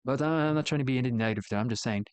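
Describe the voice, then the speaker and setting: A man with a mid-pitched voice talks through his opinions as a casual streamer. He rambles, doubles back and corrects himself as he thinks aloud. The sound is close and dry. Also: rapid-fire, smooth, no room sound. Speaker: VTuber streamer.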